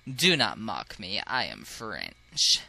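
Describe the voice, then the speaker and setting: A man voicing a haughty, snobbish noble male pigeon, speaking in a slow and lofty manner. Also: on the low side, huge pitch swings, vocal fry, bright, forceful tone, voice pushed down, full character voice, poor audio.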